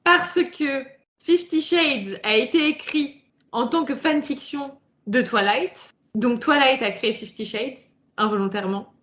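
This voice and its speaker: A woman's voice: high voice, measured pace, a bit bright. A woman co-hosting a casual podcast chat, laughing often and reading passages aloud. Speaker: podcast co-host.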